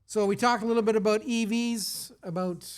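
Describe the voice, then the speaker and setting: A middle-aged man who owns a tire shop, telling an animated story and acting out what his customer said. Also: sits high, normal speed, smooth. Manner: animated anecdote teller, acts out customer quotes. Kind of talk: storytelling in casual podcast chat.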